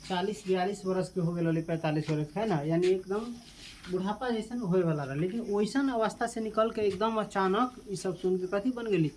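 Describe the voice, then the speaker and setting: A woman's voice: medium pitch, moderate pace, a little mellow, a little hiss or hum. A woman teacher, explaining a school text to a class. She repeats each line and quizzes the students, switching into local dialect.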